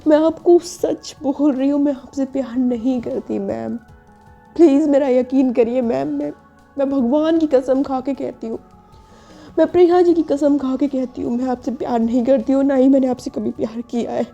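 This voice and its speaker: A woman's voice: sits high, fairly even intonation, moderate pace, creaky, warm tone. A woman voicing an earnest young female employee who keeps pleading with her boss, in a dull lo-fi recording with faint music. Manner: insistent, repetitive pleading.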